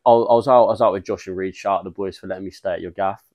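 Young man, low voice, rambling storyteller, podcast co-host. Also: fairly even intonation, rapid-fire, darkish tone. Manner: rambling storyteller, laughs often. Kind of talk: casual chat.

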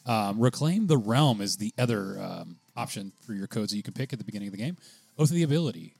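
A man's voice: on the low side, quick pace, creaky, a little mellow, husky, no echo, soft background music. A man co-hosting a casual gaming podcast, chatty and laughing often as he reads rules aloud. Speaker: podcast co-host.

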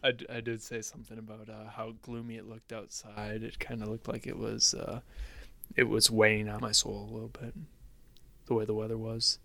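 A man's voice: fairly low pitch, completely flat delivery, a little fast, creaky, sharp tone, no room sound. A man in casual podcast chat, talking in a wry, rambling way and laughing often. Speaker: podcast co-host.

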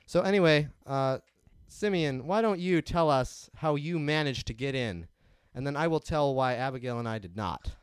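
A man's voice: medium pitch, animated, moderate pace, clear, resonant tone, no room sound. A man co-hosting a casual podcast chat, steering the talk with a dry, sarcastic manner. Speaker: podcast co-host.

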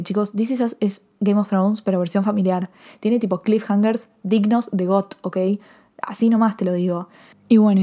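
A woman with an Argentine accent casually reviewing a TV episode, rambling and excitable, full of fillers and restarts. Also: mid-range voice. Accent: Argentine Spanish. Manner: excitable, emotional. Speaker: TV series reviewer.

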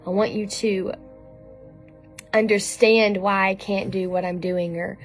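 A woman giving an informal sermon in a conversational way, often pausing with ums and restarting her sentences. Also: medium pitch, steady tone. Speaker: speaker giving a devotional message. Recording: soft music underneath.

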